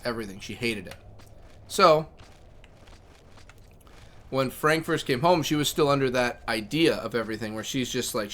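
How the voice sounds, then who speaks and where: In a casual livestream, a man with a medium-pitched, slightly bright voice plays a game and chats between moves. He's talkative, reads the chat aloud, and tells stories about his pets.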